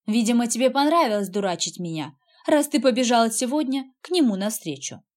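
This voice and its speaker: A woman voicing a cold, cruel, jealous husband who speaks in a calm, mocking, menacing way. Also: a little high, a little fast, natural voice.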